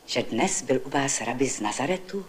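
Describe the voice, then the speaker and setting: A woman voicing a gentle, bedridden young mother who speaks softly and humbly, in an old literary reading. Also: rumbling low, expressive, pitched below the performer's own voice.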